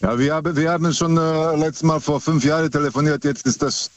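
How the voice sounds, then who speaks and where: A man's voice: on the high side, fairly even intonation, no echo. Middle-aged male caller heard over the phone, hesitant, from Serbia; dull, dry line. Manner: hesitant, halting with many filler sounds. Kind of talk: casual chat.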